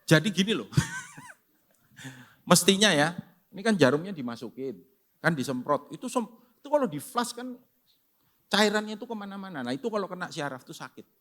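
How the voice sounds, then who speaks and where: Animated, bright-voiced pastor. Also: male voice, high voice, moderate pace, long pauses. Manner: animated storytelling, addresses congregation often. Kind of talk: sermon. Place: church sanctuary.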